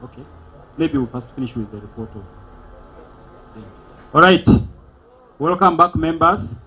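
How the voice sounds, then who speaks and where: A man's voice: a little high, lively intonation, a little slow, bright, forceful tone. A man acting as master of ceremonies at a members' meeting, giving repetitive, emphatic instructions to the audience through a PA microphone. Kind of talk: formal announcements to an audience. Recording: dull lo-fi event recording.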